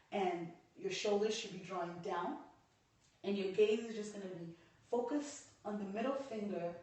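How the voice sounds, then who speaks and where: This woman, hoarse with a cold, talks viewers through yoga poses as she demonstrates them in a live-streamed class, pausing to say hello. Her mid-range voice has a darkish tone. She's recorded by a camera set back across an echoey room, far from the mic.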